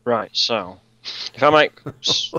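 Guy, bright sharp tone, dry wisecracks over gameplay. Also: mid-range voice, animated, takes it slowly, no room sound, lo-fi sound. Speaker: game player. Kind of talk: casual multiplayer game chat.

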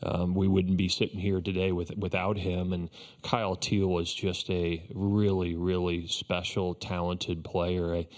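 Reporters question a low-voiced baseball coach in his fifties after a game. Measured and reflective, he keeps a flat, even line and often restarts with "you know," speaking through a table microphone in an indoor press room.

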